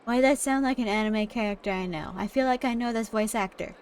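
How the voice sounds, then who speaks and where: A woman's voice: fairly high pitch, fast, slight background noise. A woman streaming a game with casual, playful, slangy reactions. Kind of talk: casual live gameplay reactions.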